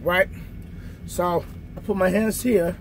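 A truck driver in his thirties speaks in a high-pitched voice, with a little hiss or hum, as he chats casually with viewers from his sleeper cab. Talking slowly and relaxedly, he shows off a bunk workout for his vlog, filmed on a phone camera on a stand nearby.

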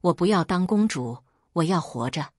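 A woman's voice: lowish voice, lively intonation, moderate pace, darkish tone, no room sound, clean studio sound. A woman voicing a terrified young noble daughter who pleads in a panicked way.

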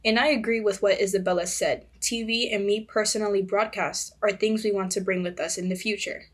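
A woman's voice: medium pitch, fairly even intonation, brisk. Friendly, slightly nervous teen girl. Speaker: student broadcaster guest. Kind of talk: podcast interview.

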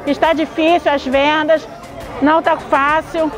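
A woman's voice: high-pitched, level tone, music in the background, a crowd in the background, low-quality recording. A Brazilian woman artisan speaking hesitantly in an outdoor street interview at a craft fair. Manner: hesitant, halting. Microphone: lapel mic.

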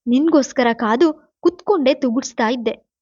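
A woman's voice: sits high, moderate pace, a little mellow. A woman voicing a sleepy, worried widowed mother who frets and complains, in a storybook reading. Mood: fretful. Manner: fretful, complaining. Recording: dull lo-fi, dry.

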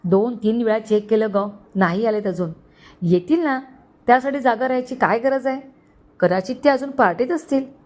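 A woman's voice: fairly high pitch, normal speed, darkish tone, close to an everyday voice. A woman voicing a scheming, greedy middle-aged uncle who gloats and scolds, in a storybook reading. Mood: dismissive.

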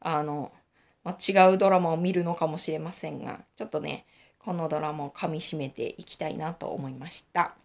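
A woman's voice: deep voice, fairly even intonation, a little fast, gravelly. A middle-aged woman hosting a casual radio-style knitting talk, chatty and reflective, laughing often. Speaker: knitting channel host.

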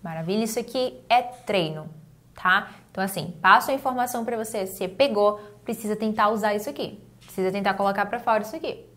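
A young adult Brazilian woman with a Brazilian Portuguese accent, teaching an online English lesson in an upbeat way, drilling words slowly. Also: medium pitch, fairly bright tone.

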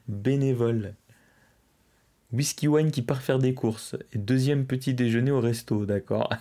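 A young man hosts a live stream from a streaming desk indoors, chatting casually and reading out viewers' messages. His voice is mid-range and mellow.

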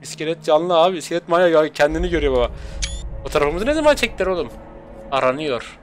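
A man doing excitable, jokey live gameplay commentary at home, jumping to high squeals when he is chased. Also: quick pace, faint music behind. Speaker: gaming streamer. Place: home room with an open window.

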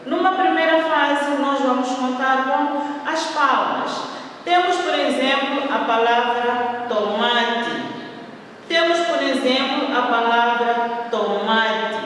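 A woman teaching first-graders at home with a Mozambican Portuguese accent, speaking slowly and patiently, repeating each word as she counts its syllables. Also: high-pitched, a bit bright. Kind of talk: remote lesson for children at home. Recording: echoey room, voice from a distance.

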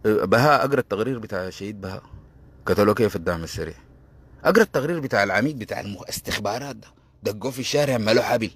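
A man's voice: fairly low pitch, racing, husky. A man with a Sudanese Arabic accent giving a heated political commentary monologue, combative and sarcastic, hammering points by repeating them.

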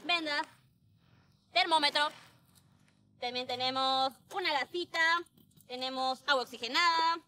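A woman's voice: high voice, unhurried, long pauses, sharp tone. An actress in her twenties with a Peruvian accent, playing a playful, chatty young woman in a TV comedy-drama. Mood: cheerful, chatty. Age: 20s. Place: outdoors in a park. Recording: faint outdoor background noise.

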